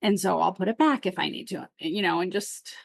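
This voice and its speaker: A woman's voice: on the low side, brisk, vocal fry, no echo. Friendly woman guest, dry sound. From California. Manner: friendly, agreeable, lots of "yes, yes". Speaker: guest seller. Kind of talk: casual chat on a podcast.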